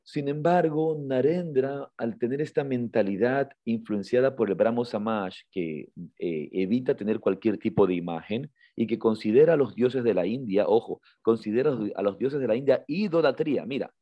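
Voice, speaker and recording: A man co-hosting a podcast, retelling a story in a casual, halting way, often repeating words and lifting his voice when he quotes someone. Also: mid-range voice, lively intonation, no echo, lo-fi sound. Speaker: podcast co-host.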